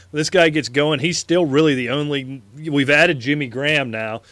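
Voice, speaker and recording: A man co-hosting a fantasy sports show, talking football emphatically in casual chat and repeating words when excited. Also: medium pitch, no room sound. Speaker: fantasy sports podcast co-host.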